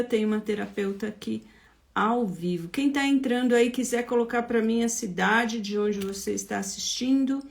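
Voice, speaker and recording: A woman's voice: fairly high pitch, gravelly. A Brazilian woman with a São Paulo accent, a therapist hosting a casual live stream, greeting viewers by name in a chatty way. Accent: São Paulo Portuguese.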